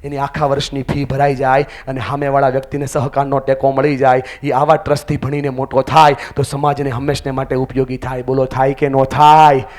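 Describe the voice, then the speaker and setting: A man giving a motivational speech to a live audience, energetic and calling out to the crowd for answers and chants. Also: mid-range voice, fairly quick, hardly any pauses. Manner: leads the audience in loud chants. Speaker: motivational speaker. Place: large event hall with an audience.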